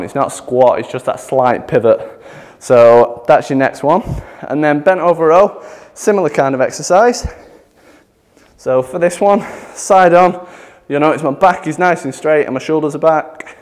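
A man's voice: mid-range voice, darkish tone. A man, out of breath, demonstrating gym exercises as a chatty fitness coach who laughs at himself. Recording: echoey gym with long reverb.

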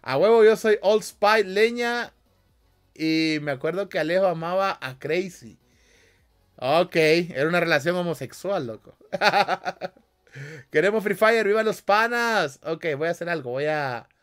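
Streaming from a small bedroom, this young man with a Honduran Spanish accent reads viewer comments, joking, using slang and laughing often. His fairly high voice is fairly bright, clear and resonant, picked up through a headset and desk mic.

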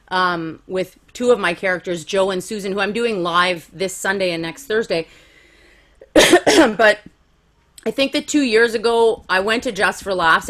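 Forties-ish woman comic, frank and self-mocking, laughs a lot, middle pitch. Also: a bit bright. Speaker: comedian guest. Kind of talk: candid conversational storytelling.

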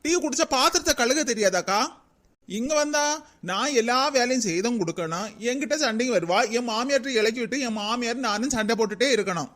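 Tired young cartoon village woman with a Kanyakumari Tamil accent, voiced by an actor, mid pitch, pleading. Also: animated, brisk, a bit bright, close to an everyday voice. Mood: complaining. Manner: pleading, complaining. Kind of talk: cartoon comedy voice acting.

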